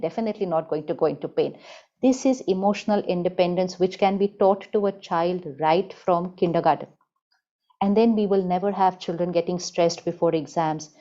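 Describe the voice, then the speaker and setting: A woman spiritual teacher giving an emphatic motivational talk, repeating key lines slowly. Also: mid-range voice, warm tone, muffled recording.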